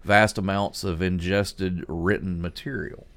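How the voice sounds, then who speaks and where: A man hosting a podcast, discussing news conversationally in a halting way, repeating words as he thinks aloud. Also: sits low, fairly even intonation, creaky, fairly bright tone. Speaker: podcast host.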